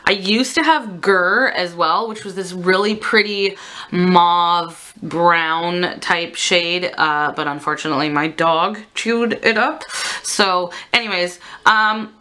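A woman beauty vlogger with a sick, stuffed-up swamp-monster croak. Her voice sits a little low yet has a bright, forceful edge. She rambles in a candid, casual way as she talks through products. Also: slow. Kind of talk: casual chatty product declutter. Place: indoors at a makeup desk.

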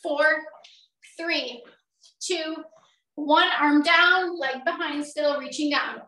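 Bright, high-pitched woman aerobics instructor. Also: takes it slowly. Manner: energetic aerobics-instructor cueing, exerting while demonstrating. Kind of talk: workout instruction with counting and cues. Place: small indoor home gym. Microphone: far camera a few metres away. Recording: roomy echo, distant microphone.

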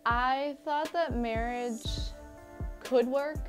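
A woman's voice: sits high, steady tone, very slow. A young woman from Liberia answering interview questions, chatty and laughing often, with frequent fillers. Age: young adult. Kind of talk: casual interview. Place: indoor studio set with curtains. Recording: studio interview with music underneath. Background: background music.

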